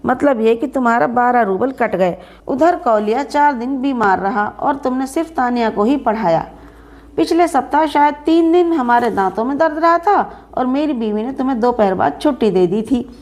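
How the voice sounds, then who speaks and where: A woman narrating a story in first person, expressive and shifting into a stern employer's voice. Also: on the high side, moderate pace.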